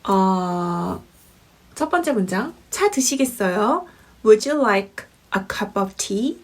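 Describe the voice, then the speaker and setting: A woman teaching an English lesson, repeating example sentences slowly and clearly. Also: mid-range voice, animated. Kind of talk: language lesson.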